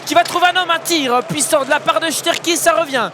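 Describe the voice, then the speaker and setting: High-pitched hockey commentator, excitable man. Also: fast. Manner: excitable, shouts out goals. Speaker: ice hockey play-by-play commentator. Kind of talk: live sports commentary with excited goal calls. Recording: crowd noise and music behind commentary. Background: arena crowd and music.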